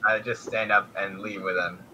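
A man's voice: lowish voice, flat delivery, normal speed. A man playing a tabletop game, answering politely and tersely in character. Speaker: player. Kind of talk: tabletop role-play. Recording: noisy background.

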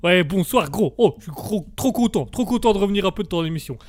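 A man's voice: sits high, expressive, fast talker, dry recording, studio quality. A man voicing a cocky, rude young man who talks in brash slang.

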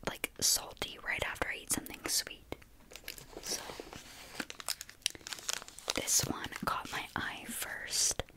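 A young woman whispering softly in a chatty ASMR snack-tasting video, with eating sounds between her words. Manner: chatty, says like and you know often.

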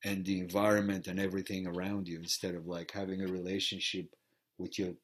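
Speaking fairly quickly, this man from Bulgaria has a low, flat, breathy-edged voice. He's a middle-aged actor and theater teacher in a reflective interview conversation, frequently repeating words when restarting.

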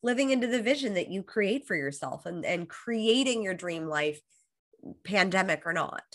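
Speaking at a moderate pace, this woman has a medium-pitched, slightly bright voice with lively intonation. She's in her thirties, from Los Angeles, USA, with an American accent, and works as a high performance coach. Still shaking off a cold, she's fluent and upbeat as a casual interview guest, often restarting phrases.

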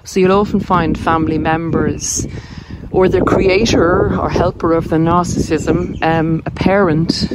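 Speaking at a measured pace with fairly even intonation, a woman with a lowish voice hosts a podcast. She explains things informally, asking and then answering her own questions, while loud vehicle and wind noise and clicks come through.

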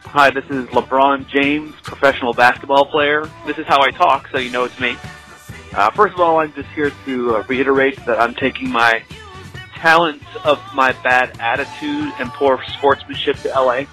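A man's voice: medium pitch, moderate pace, sharp tone, faint music behind, lightly acted, low-quality recording. A man voicing a boastful basketball star in a prank hotline message. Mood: mocking.

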